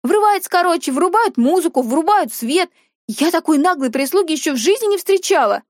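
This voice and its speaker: A woman's voice: extremely high pitch, animated, a little fast, no room sound, clean studio sound, voice pushed up. Dina, a woman voicing a brash mocking teen girl. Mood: sneering. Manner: sneering, mocking.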